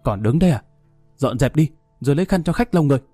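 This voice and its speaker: Guy doing a fat loud restaurant boss lady yelling at her staff, high and fast. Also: lively intonation, breathy edge, no room sound, soft background music. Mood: scolding. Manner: scolding, crude, rapid. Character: fat shrill abusive middle-aged woman restaurant owner.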